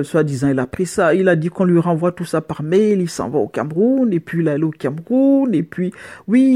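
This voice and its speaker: A middle-aged woman giving a casual spoken account, animated, with frequent restarts, slipping into other people's voices with sudden pitch jumps. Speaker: storyteller recounting a personal experience.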